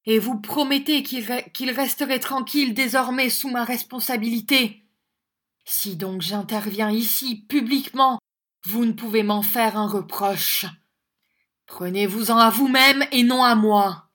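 A woman reading a storybook and voicing a bold young man who speaks up in a loud, forceful, indignant voice. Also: a little high, unhurried, pitched above the performer's own voice.

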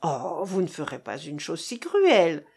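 A woman reading the part of a gentle, pious young wife who pleads tenderly and gently preaches. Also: low voice, huge pitch swings, measured pace, creaky, slightly rough, voice pushed down, full character voice. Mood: pleading.

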